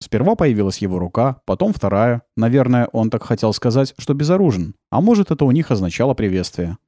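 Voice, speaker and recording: Man with a mellow, lively storyteller voice. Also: medium pitch, brisk, no echo, studio quality. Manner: calm, even storytelling, brightening for dialogue. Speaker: narrator. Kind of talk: audiobook narration.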